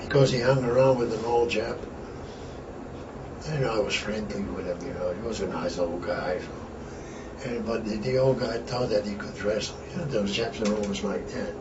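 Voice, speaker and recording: An older man with a low, steady voice talks at normal speed, looking back on his days as a wrestler. He's from Antwerp, Belgium, with Flemish as his first language, and he's blunt, rambling and profane. The audio is distant, roomy and dull lo-fi, with background hiss.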